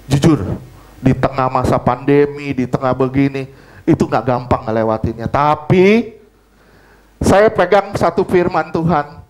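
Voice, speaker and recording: High-voiced male pastor preaching emphatically. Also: poor audio. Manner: emphatic preaching with heavy repetition of phrases; conversational, personal testimony told to the congregation. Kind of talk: sermon.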